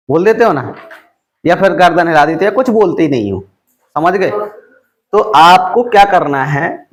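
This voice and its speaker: A man teaching a spoken English lesson, asking the class questions and answering them himself, and reading English example phrases slowly and deliberately. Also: fairly high pitch.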